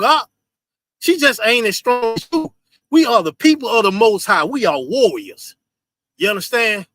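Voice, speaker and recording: Animated man ranting on a livestream. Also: high voice, no room sound. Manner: loud, emphatic, repeats phrases and laughs often. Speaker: host reacting to a video. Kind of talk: casual livestream commentary.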